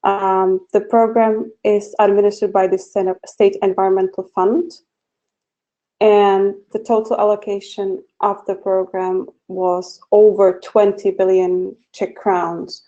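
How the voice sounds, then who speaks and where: A woman researcher giving a formal, explanatory webinar presentation in a measured, hesitant way. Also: mid-range voice, level tone, warm tone. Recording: dull lo-fi webinar audio.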